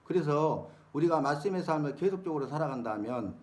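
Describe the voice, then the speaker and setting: Middle-aged male pastor, lively preaching delivery, slightly high voice, keeps asking the congregation questions. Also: a little fast. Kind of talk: sermon-style Bible teaching.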